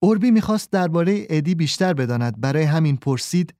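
A man narrating a children's audiobook in an expressive storytelling manner. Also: fairly high pitch, a little hiss or hum. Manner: expressive storyteller voicing all characters.

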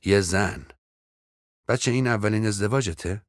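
Man voicing a theatrical older actress, self-pitying, drawn-out sighs, deep voice, dry close sound. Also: no echo, natural voice. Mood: melodramatic sorrow. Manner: theatrical, drawn-out sighing lines.

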